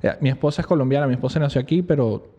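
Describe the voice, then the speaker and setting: A man with a Venezuelan accent hosting an interview, reacting with quick exclamations. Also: medium pitch, mellow. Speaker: interview host. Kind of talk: casual interview chat. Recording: dull lo-fi recording.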